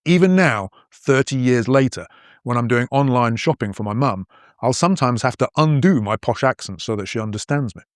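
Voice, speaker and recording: An educational podcast is narrated by a man in his fifties from northern England, a language teacher and host whose posh-leaning accent retains northern traces. His storytelling is lively, playful, and explanatory, in a mid-range voice at moderate pace. The sound is clean studio quality with no echo.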